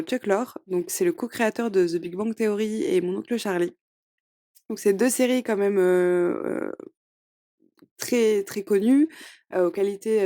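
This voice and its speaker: A woman's voice: medium pitch, mellow. A young woman hosting a solo podcast, reviewing shows in a chatty, hesitant way with many fillers. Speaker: podcast host.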